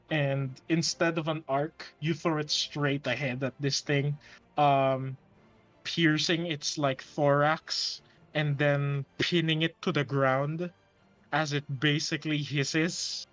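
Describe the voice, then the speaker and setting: A man acting as game master, improvising narration for a tabletop role-playing game and searching for words as he goes. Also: a little high.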